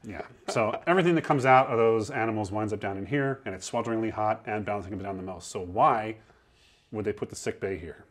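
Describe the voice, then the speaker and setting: A man's voice: lowish voice, quick pace. A man in his thirties guiding a tour below deck on a historic ship, explaining in a chatty way with a lapel mic. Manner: chatty, explanatory, acts out quoted sailors. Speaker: museum ship guide.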